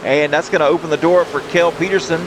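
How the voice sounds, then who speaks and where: A man calling a sim racing event play-by-play, reacting quickly to the action. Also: on the high side, steady tone, noisy background. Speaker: lead race commentator.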